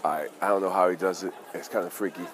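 A man hosting a casual street vlog outdoors, talking excitedly and in slang straight to his viewers. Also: deep voice, fast. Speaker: vlog host. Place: outdoors on busy town streets. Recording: busy street crowd and noise.

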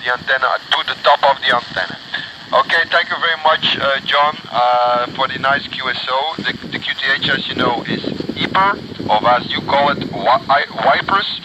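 A man with a Flemish accent, an amateur radio operator chatting haltingly over a fading, static-filled radio link. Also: medium pitch. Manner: halting, restarts often, repeats call signs. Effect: heard over a noisy fading radio link. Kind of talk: ham radio contact chat. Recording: muffled radio audio with static.

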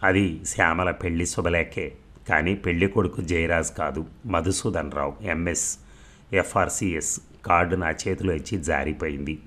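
A man reading a novel aloud as an audiobook storyteller, in a calm, measured way. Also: deep voice.

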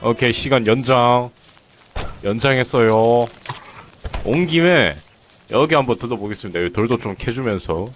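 A man's voice: medium pitch, normal speed, pauses often, slight background noise. A man casually commenting on his own gameplay, chatting to viewers and teasing the characters on screen. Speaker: game streamer. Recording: faint game music behind.

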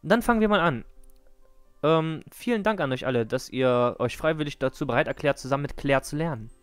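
A man voicing a calm young female teacher, reading the game dialogue in a raised voice with small slips. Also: fairly high pitch, brisk, clean tone, no echo, faint music behind, natural voice. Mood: earnest. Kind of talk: live-read game dialogue.

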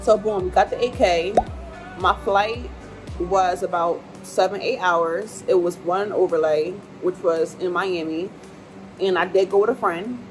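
A woman's voice: fairly low pitch, unhurried, soft background music. A young woman vlogger talking casually to camera indoors in an informal, slangy, emphatic way. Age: young adult. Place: indoor room at home or lodging, fan running.

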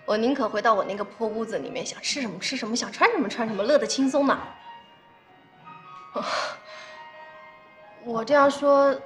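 A woman's voice: on the high side, normal speed, long pauses, faint music behind, natural voice. An actress playing a frank young woman in a TV drama, speaking politely with light laughter. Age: young adult. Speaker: young woman dating an older man. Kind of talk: TV drama acting.

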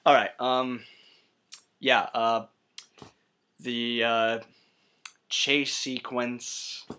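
A man's voice: medium pitch, level tone, very slow, sharp tone, clean tone. A young man giving a profane, scornful movie-review rant, shifting between mutters and outbursts. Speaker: vlogger.

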